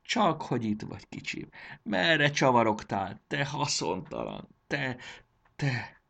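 A man's voice: on the low side, big pitch swings, creaky, a little mellow, breathy edge, voice pushed up, full character voice. A man voicing a grieving mother who speaks in a trembling, emotional way in a storybook reading.

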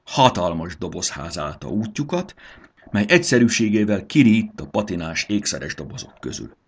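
A man narrating a storybook in an expressive, sing-song telling. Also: on the low side, slightly rough.

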